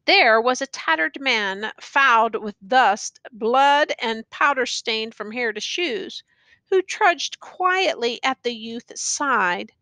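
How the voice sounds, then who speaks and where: A woman reads a classic novel aloud at an unhurried, deliberate pace, her voice bright and fairly high. The recording is close and dry, with no room sound. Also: expressive, no room sound. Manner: slow, deliberate reading. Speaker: audiobook narrator. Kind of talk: scripted narration of a classic novel.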